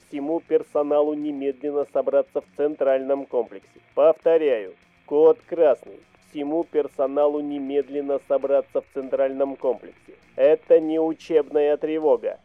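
An actor playing a stern male military colonel who gives terse, clipped orders over a walkie-talkie with a croaky voice. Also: fairly high pitch, no room sound. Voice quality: croaky, cawing voice. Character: stern male colonel commanding an expedition base. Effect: heard over a walkie-talkie radio. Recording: tinny, dry radio transmission.

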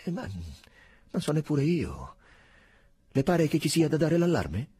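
A man's voice: wildly swooping pitch, a little slow, slightly rough, exaggerated voice. A man voicing an anxious young army lieutenant, agitated and hesitant. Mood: uneasy. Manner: agitated, hesitant, higher and louder.

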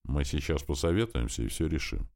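A man reading an audiobook, voicing a calm, commanding young male group leader. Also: a bass voice, fairly quick, gravelly, exaggerated voice. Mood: firm. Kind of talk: audiobook character voice.

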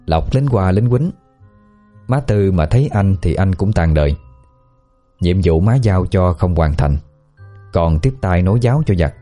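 A man narrating a ghost story in a steady, lively storytelling manner. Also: sits low. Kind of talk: scripted audio-story narration.

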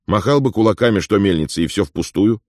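A man reading an audiobook and voicing a boisterous, talkative older male companion who lectures in a lively raised voice. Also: on the low side, quick pace, no echo, studio quality, voice pushed up. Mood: scolding. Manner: loud, lively, mentoring.

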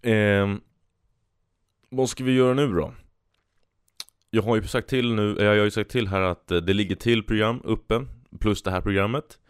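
A man's voice: lowish voice, steady tone, long pauses, clean tone, no echo, studio quality. A man hosting a solo podcast, chatting casually and reading out jokes with a rambling, self-amused manner. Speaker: podcast host.

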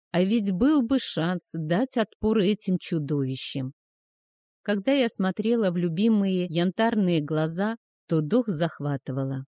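A woman narrating a first-person fantasy romance audiobook in a soft, measured, emotional way. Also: mid-range voice, no room sound, clean studio sound.

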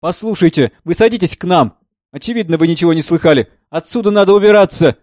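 Man doing a young son voice, high, eager, pleading, dry mic. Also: fast, darkish tone, dry recording, natural voice. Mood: eager, urgent. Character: eager wounded teenage son, urgent.

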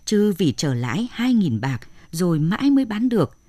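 A woman voicing a foul-mouthed old mother-in-law in her seventies, from the north, who scolds and shouts curses. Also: on the low side, very animated, moderate pace, no echo, clean studio sound. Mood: lecturing. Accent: Northern Vietnamese.

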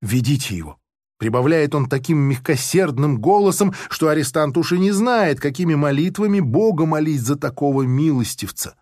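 A man narrating a literary audiobook in an expressive storytelling manner. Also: on the high side, no echo, studio quality.

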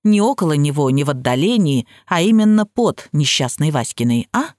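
A woman reading the part of a calm, authoritative male detective boss who speaks in measured, commanding tones. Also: a little high, no room sound, studio quality, voice pushed down. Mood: probing.

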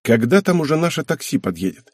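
A man's voice: on the high side, big pitch swings, quick pace, husky, dry recording, studio quality, pitched above the performer's own voice. Man putting on a snappy grumbling wife. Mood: irritable. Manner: snappy, irritable. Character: grumbling tired aristocratic wife, mother.

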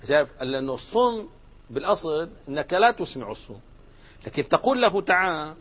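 Male grammar teacher, slightly high voice, quizzing his class in a dull lo-fi lecture recording. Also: big pitch swings, brisk, breathy edge. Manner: asks the class questions and answers them, mixing formal Arabic with colloquial. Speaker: sheikh teaching Arabic grammar.

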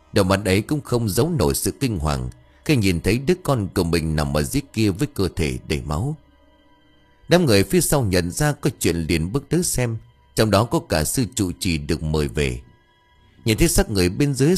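Husky-voiced male storyteller. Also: sits low. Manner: dramatic, expressive reading. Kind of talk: scripted narration of an audio story.

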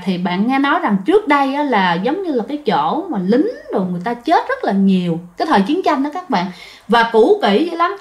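A woman with a Southern Vietnamese accent telling ghost stories in a chatty way, often turning to her listeners. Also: sits high. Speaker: storyteller. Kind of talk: casual ghost-story telling.

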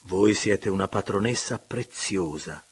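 A man reading aloud, voicing a witty, playful aristocratic gentleman who gossips. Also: low-pitched, measured pace, husky, full character voice.

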